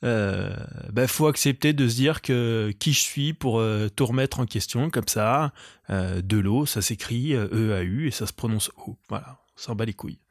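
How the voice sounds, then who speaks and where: A man's voice: medium pitch, normal speed, no echo. Rambling, self-mocking male comedian, dry sound. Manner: digressive, self-mocking, crude. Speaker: comedian and podcast host. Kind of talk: rambling comic monologue.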